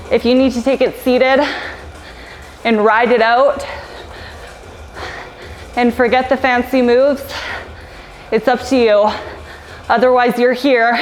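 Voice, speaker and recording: A woman spin instructor coaches while cycling hard, pushing the class with short, punchy motivational cues. Her voice is a little high, and the poor audio carries some hiss or hum under loud workout music.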